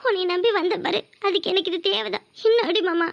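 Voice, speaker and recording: A woman's voice: very high voice, fast talker, vocal fry. A woman with a Tirunelveli Tamil accent voicing a hurt young wife who reproaches and pleads with her husband in a cartoon. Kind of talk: cartoon voice acting.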